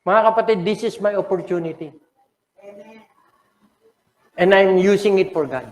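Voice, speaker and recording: In an echoey church hall, an older pastor with a Filipino accent preaches with high emotion and drama, switching between English and Tagalog. He speaks in a high voice at an unhurried pace.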